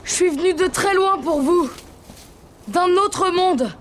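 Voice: very high voice, takes it slowly, slight background noise. A woman, going by the voice, playing a pleading, hesitant young boy in a film dub. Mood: earnest, urgent. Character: frightened, pleading young boy from another world. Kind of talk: dubbed film acting.

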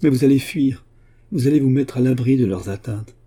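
A man's voice: medium pitch, a little fast, warm tone, pitched above the performer's own voice, lightly acted. Man voicing frightened guilty old father. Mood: shaken. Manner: agitated, fearful.

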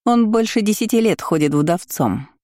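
A woman voicing a spiteful young woman who sneers and mocks in a shrill, high voice. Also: expressive, normal speed, dark tone, dry recording, clean studio sound, natural voice. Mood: gloating.

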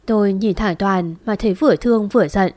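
A woman narrating a first-person ghost story in a lively, conversational way. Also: mid-range voice, a little fast, no room sound.

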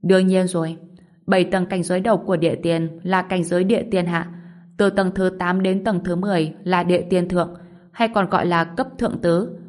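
A man's voice: high voice, level tone, fairly quick, close to an everyday voice. A woman reading the lines of a confident, blunt young male cultivator in an audiobook. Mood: matter-of-fact. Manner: blunt, matter-of-fact.

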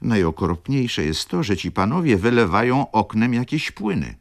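A man's voice: fairly low pitch, very animated, moderate pace, voice pushed up. A man voicing a hysterical aging baroness who wails and exclaims, in a radio reading. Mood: complaining. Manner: wailing, exclaiming.

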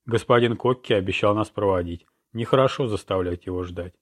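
A man's voice: fairly low pitch, a little fast, lightly acted. A man reading as a weary, frail old director. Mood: calm. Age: older. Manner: calm, everyday tone, quiet.

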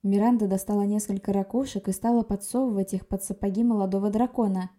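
A woman reading a fantasy story aloud in a lively, expressive way. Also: medium pitch, quick pace. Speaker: audiobook reader. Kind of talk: scripted fantasy narration.

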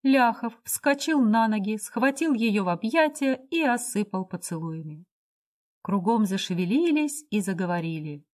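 A woman reads a story aloud as an audiobook, her narration steady and expressive. Her pitch sits in a middle range. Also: normal speed.

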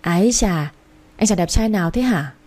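A woman's voice: medium pitch, expressive, moderate pace, a little mellow, natural voice. A woman voicing a fussing best friend. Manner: teasing, fussing. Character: chatty young woman, loyal best friend.

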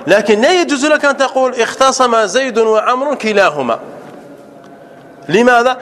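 A man with a very high, lively voice teaches a grammar lesson. He repeats example sentences and keeps quizzing his listeners as he explains. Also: slight background noise. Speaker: Islamic scholar teaching grammar.

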